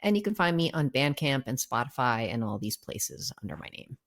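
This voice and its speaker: A woman's voice: very deep voice, very animated, fairly quick. A woman, a musician and podcast guest, chatting in an easygoing way. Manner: laughing, easygoing. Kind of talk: casual chat.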